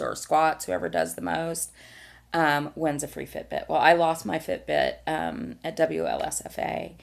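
Middle-aged female vlogger, gravelly and animated, casual rambling chat. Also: deep voice. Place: small hotel room, indoors.

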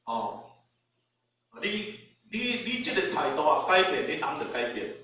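Animated Taiwanese man lecturing in echoey hall. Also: a little high, measured pace. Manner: animated, rhetorical questions, acts out quoted people. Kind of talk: dharma class lecture. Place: Buddhist hall. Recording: very echoey hall, far from mic, dull.

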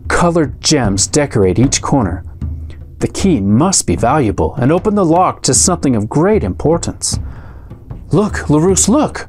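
A man's voice: medium pitch, big pitch swings, normal speed, darkish tone, faint music behind. A man reading an adventure gamebook aloud, narrating in a dramatic storytelling manner as the regular host. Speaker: storybook reader.

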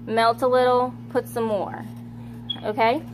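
A home video maker with a fairly high voice rambles through a casual how-to in her home kitchen, correcting herself as she talks into a phone camera held over the stove. Her delivery is chatty yet flat and measured in pace. A faint hum of room noise lingers behind her.

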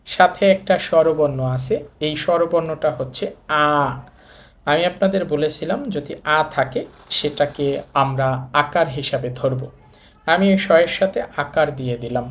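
A man with a Bangladeshi Bengali accent teaching a language lesson, walking viewers through each letter patiently and repeating key points as he writes them out. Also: a little high. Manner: patient, repetitive, addresses viewers directly. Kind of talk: step-by-step lesson explanation.

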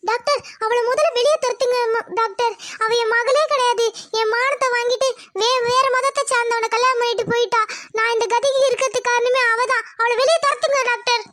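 A performer voicing a proud, sick elderly mother in a cartoon who scolds and shouts from a hospital bed, recorded dry and close. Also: very high-pitched, steady tone, fairly quick. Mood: furious. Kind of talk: Tamil cartoon voice acting.

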